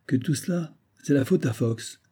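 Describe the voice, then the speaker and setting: A man's voice: mid-range voice, moderate pace, warm tone, slightly rough, voice pushed up, natural voice. A man doing a dry, blunt sergeant. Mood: teasing.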